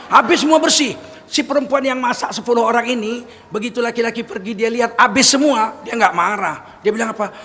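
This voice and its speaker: A man giving a lively, humorous sermon, telling stories with comic voices and asking the audience questions. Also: very high-pitched. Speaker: preacher. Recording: echoey hall with faint noise.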